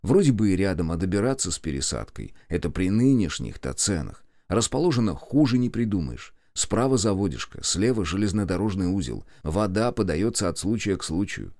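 A man's voice: deep voice, very animated, brisk, hardly any pauses, darkish tone, dry recording. A man narrating a first-person story with wry, dry humor, recorded close in a studio. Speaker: audiobook narrator.

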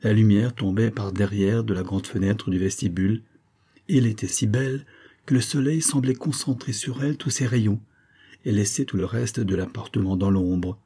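A man reading a classic novel aloud as an audiobook narrator, in a steady, measured way. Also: fairly low pitch, breathy edge. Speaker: audiobook reader.

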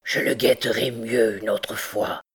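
A woman doing a hushed deaf bell-ringer Quasimodo. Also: sits low, expressive, vocal fry, breathy edge, full character voice. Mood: sorrowful. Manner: hushed, slow, half-whispered. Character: deaf hunchbacked male bell-ringer, timid and devoted.

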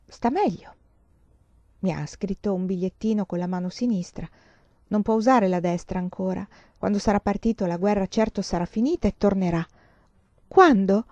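A woman voicing a calm, hopeful young woman who speaks softly and gently in a storybook reading. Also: medium pitch, normal speed, no room sound, muffled recording, lightly acted.

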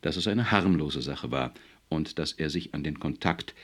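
A man reading a science-fiction story aloud as an expressive audiobook narrator. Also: very deep voice, normal speed. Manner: expressive, varied. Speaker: audiobook reader. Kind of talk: scripted narration.

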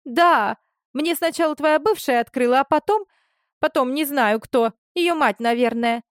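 A woman's voice: high-pitched, lively intonation, moderate pace, no room sound, studio quality, pitched above the performer's own voice. A woman voicing a desperate young woman who pleads with her former lover. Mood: pleading desperate. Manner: pleading, breathless.

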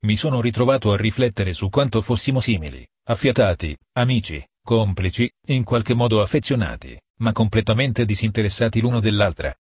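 A man reading a novel aloud, calm and measured, partly in the first person. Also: lowish voice, husky, no room sound. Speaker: audiobook reader.

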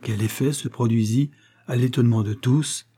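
A man reading a classic adventure novel aloud as an audiobook narrator, dramatic, raising his voice for the shouted lines. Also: medium pitch, fairly even intonation, normal speed, husky.

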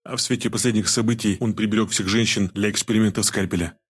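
A man narrating a gritty audiobook in a steady storytelling voice with street slang. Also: lowish voice, quick pace, husky. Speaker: audiobook reader. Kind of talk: scripted narration.

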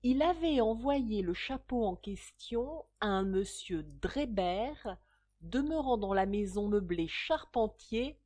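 A woman reads a classic detective novel aloud. Her delivery is measured and expressive. The pace stays even and clear throughout. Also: mid-range voice, no echo. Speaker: audiobook reader. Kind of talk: audiobook narration.

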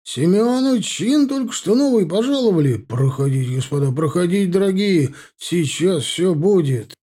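A man voicing a grey-haired provincial official who barks at his household and fawns over guests, in a loud, bustling manner. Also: on the high side, unhurried. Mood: effusive.

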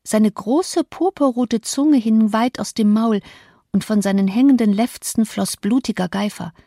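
A woman reading a classic novel aloud as an expressive, dramatic first-person narration. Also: fairly high pitch, unhurried, no echo, studio quality. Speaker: audiobook reader. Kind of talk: literary audiobook narration.

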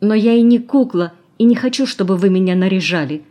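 A woman voicing a spirited young girl who speaks with quick, protesting energy, in an audiobook. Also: medium pitch, voice pushed up, lightly acted. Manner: protesting, excited. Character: young girl, prickly and lively.

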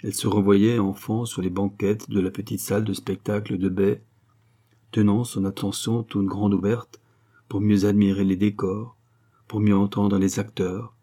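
A man narrating a classic novel in a measured, literary reading. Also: lowish voice, flat delivery, dark tone. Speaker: audiobook narrator. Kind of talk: scripted narration.

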